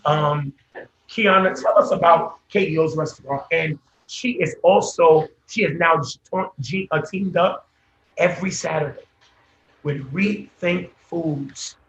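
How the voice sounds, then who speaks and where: A man's voice: a little high, takes it slowly, fairly bright tone. An American man hosting a casual live discussion. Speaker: host. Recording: echoey live stream with background noise.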